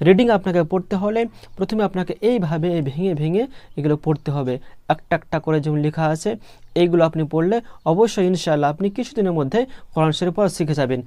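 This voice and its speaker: A man's voice: high voice, fast talker, mellow, dry recording. A man teaching a step-by-step Quran reading lesson, patiently repeating letter sounds and asking himself questions.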